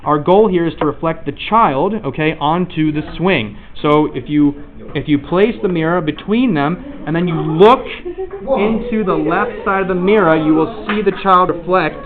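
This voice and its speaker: A man's voice: a little high, lively intonation, normal speed. Casual, encouraging male teacher. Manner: casual, encouraging, calls on students one by one. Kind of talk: classroom teaching. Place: classroom full of students. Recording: tinny lo-fi recording with class chatter. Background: students chattering.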